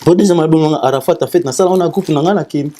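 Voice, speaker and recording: A fairly high, mellow male voice comes from a singer being interviewed as a guest. Chatting casually and sending greetings, he speaks haltingly, repeating syllables and restarting.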